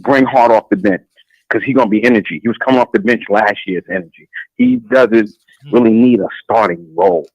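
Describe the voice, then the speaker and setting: Guy calling in to a sports show, ranting loud and boastful, dull lo-fi line. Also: fairly low pitch, brisk, slightly rough, no room sound. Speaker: caller. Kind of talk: call-in sports talk. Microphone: phone line.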